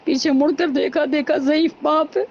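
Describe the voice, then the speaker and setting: A high-pitched woman preaches a mourning sermon with passionate, lamenting intensity. Her voice climbs toward anguished cries as she recites. The recording sounds slightly dull, with faint noise underneath. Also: steady tone, darkish tone. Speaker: zakira (religious mourning orator). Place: women's mourning gathering.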